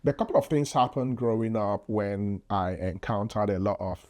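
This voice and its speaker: A man with a Nigerian accent speaks in a fairly low voice. He talks as a podcast guest, explaining things earnestly and patiently, with many fillers and restarts in a casual interview. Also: normal speed, a little mellow. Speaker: podcast guest, public health physician.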